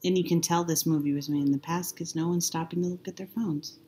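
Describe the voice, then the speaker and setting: A woman chatting casually while watching a movie, joking and trading quick asides. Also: on the low side, fairly even intonation, mellow. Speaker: movie commentator.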